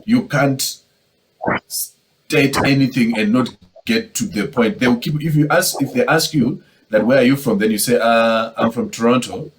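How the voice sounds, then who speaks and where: A man's voice: mid-range voice, moderate pace, slight background noise, low-quality recording. A man moderating a casual panel discussion, talking conversationally and acting out quoted exchanges.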